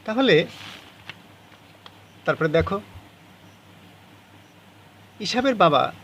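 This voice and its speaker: A man's voice: high voice, lively intonation, drawn-out words, a bit bright, highs cut off, slight background noise. A man teaching a class, reading passages of a story aloud and explaining how to write the answers.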